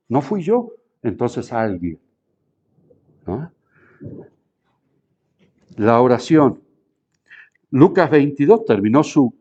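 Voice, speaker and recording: Middle-aged male pastor, lively sermon delivery, warm mellow voice, slightly muffled recording. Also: medium pitch. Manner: animated preaching that shifts between hushed and raised.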